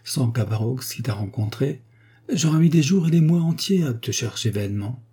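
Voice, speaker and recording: A man voicing a shrewd lawyer on a secret errand, measured and businesslike. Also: medium pitch, lively intonation, warm tone, breathy edge. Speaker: character in an audiobook.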